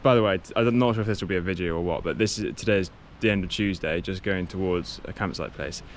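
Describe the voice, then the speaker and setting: A man's voice: deep voice, quick pace, a little hiss or hum. Young man vlogging outdoors on a bike trip. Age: young adult. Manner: chatty, rambling, self-correcting. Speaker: cycle touring vlogger. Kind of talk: casual vlog to camera. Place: outdoors on a sunny coastal path. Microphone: action camera at arm's length.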